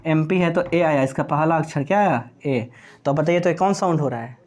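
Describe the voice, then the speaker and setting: Briskly, a man with a fairly high and somewhat mellow voice teaches English grammar in Hindi in a classroom-style lecture. He keeps asking questions and answering them himself while spelling out words letter by letter.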